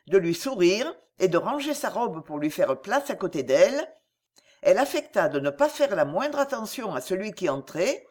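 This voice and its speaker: A woman narrating a classic novel as an audiobook, in an expressive, measured reading. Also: mid-range voice.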